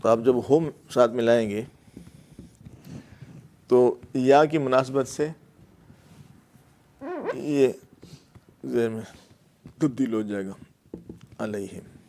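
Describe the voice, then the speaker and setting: A man's voice: medium pitch, long pauses, darkish tone, slight background noise. A man teaching Arabic grammar of the Quran in a classroom lecture, with a Pakistani Urdu accent, explaining patiently and repeating key words with fillers.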